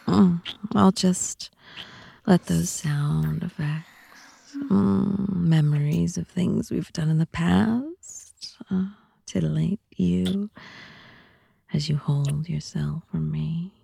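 A woman speaking slowly in a teasing, often whispered voice for an intimate audio roleplay. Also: on the low side, creaky, warm tone, slightly rough, no room sound. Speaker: audio content narrator.

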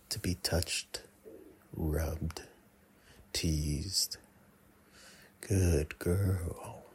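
A man in an intimate ASMR role-play, murmuring breathily right into the listener's ear, coaxing and teasing with many pauses. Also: low-pitched. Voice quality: breathy, husky. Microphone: close mic.

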